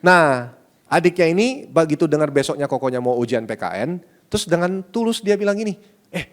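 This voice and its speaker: A man's voice: on the high side, animated, a little fast. A middle-aged man from Aceh, a pastor, preaching in a conversational way, mixing casual slang into his sermon and often turning to the congregation with asides. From Indonesia, Aceh. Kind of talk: sermon with personal storytelling. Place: church service.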